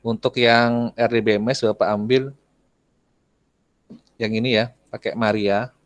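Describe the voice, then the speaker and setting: A man teaching an online class, talking casually, asking his students questions and often clearing his throat. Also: mid-range voice, level tone, measured pace, no room sound.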